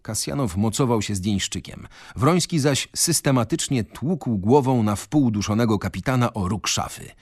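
A man reading a novel aloud for radio in a measured, dramatic narration. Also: medium pitch, expressive, a little mellow, breathy edge, no room sound, clean studio sound. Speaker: reader.

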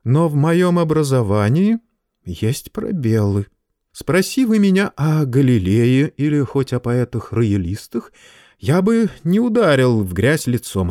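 A man voicing an educated male schoolteacher who protests in a high, strained voice. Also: big pitch swings, unhurried, mellow, dry recording, studio quality. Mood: pedantic. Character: prim educated male schoolteacher, indignant and bewildered.

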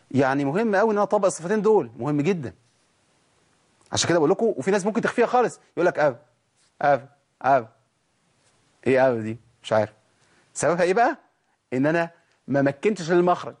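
Male recitation teacher, Egyptian accent, slightly raised pitch, patient explainer with slow drawn-out demonstrations. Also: breathy edge. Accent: Egyptian Arabic. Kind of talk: recitation lesson.

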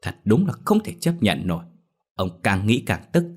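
A man narrating a ghost story in a lively, expressive storybook manner. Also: lowish voice, normal speed, breathy edge.

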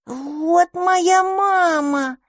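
A woman's voice: extremely high pitch, extremely slow, no room sound, clean studio sound, voice pushed up, full character voice. A woman voicing a newborn baby dragon, trusting and stubborn, with a babyish, clingy voice.

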